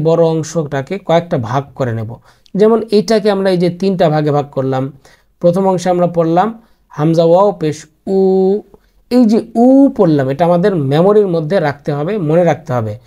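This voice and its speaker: A man's voice: a little high, mellow. A man teaching a Quran reading class online, patiently repeating each spelling rule and mixing in English words.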